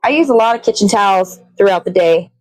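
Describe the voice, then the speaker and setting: Talking fast with lively intonation, a woman with a mid-range voice rambles and thinks aloud as she cooks in her home kitchen, tossing in sing-song asides. She's a show host, and faint music plays behind her on a rough recording.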